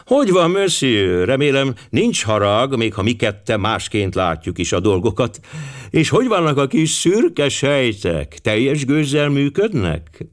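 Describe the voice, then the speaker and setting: A man's voice: medium pitch, very animated, voice pushed up, lightly acted. A bluff, eager police inspector, as a male reader voices him in a storybook reading. He talks heartily, his voice jumping up and down with energy. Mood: hearty.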